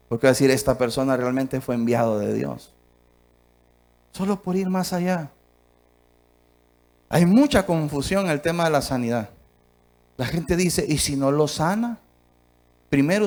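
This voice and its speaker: A man from Honduras preaching a sermon emphatically, asking rhetorical questions and swinging between soft and loud delivery. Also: on the high side.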